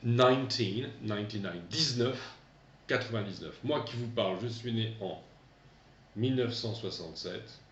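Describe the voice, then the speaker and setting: Middle-aged male teacher, lowish voice, halting delivery, roomy distant dull recording. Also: a little hiss or hum. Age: 50s. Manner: hesitant, repeats words for pupils to echo. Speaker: English teacher. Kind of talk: remote classroom lesson.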